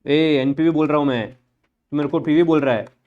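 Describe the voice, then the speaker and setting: A man's voice: fairly high pitch, normal speed, muffled recording, soft background music. A man giving a classroom lecture, talking bluntly and informally, teasing his students as he works through steps. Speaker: accounting lecturer.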